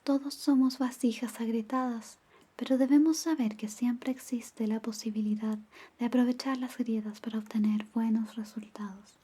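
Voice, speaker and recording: A woman playing a caring girlfriend in an ASMR whispered role-play, softly and intimately reading bedtime stories in a breathy whisper. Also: a little high, steady tone. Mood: tender, soothing. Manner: soft, intimate, slow storytelling.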